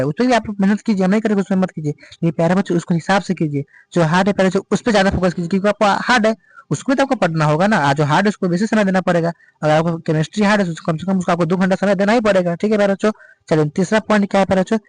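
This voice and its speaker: A man's voice: sits high, a little mellow, no echo, low-quality recording. A male teacher giving an exam-prep lecture, urging students and calling them dear children in nearly every sentence.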